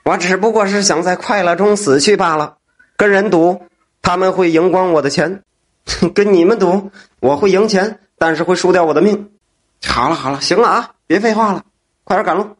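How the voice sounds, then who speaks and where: A man voicing a reckless, hot-tempered gambler who shouts and stammers, with a husky voice. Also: sits high, normal speed. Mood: bitter scornful.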